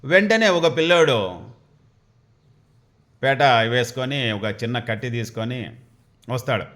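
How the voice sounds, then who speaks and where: A man, telling a devotional story in a folksy, animated way. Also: mid-range voice, unhurried. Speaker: spiritual storyteller.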